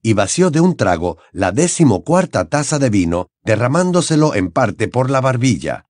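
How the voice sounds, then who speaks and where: A man narrating an audiobook in an expressive, dramatic storytelling manner. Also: mid-range voice, normal speed, no room sound, studio quality. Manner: dramatic, varied storytelling delivery.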